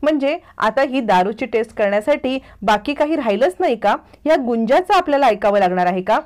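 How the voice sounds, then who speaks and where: A woman voicing a scornful young woman from a television serial, sharp and dismissive. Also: fairly high pitch, animated, fairly quick, natural voice.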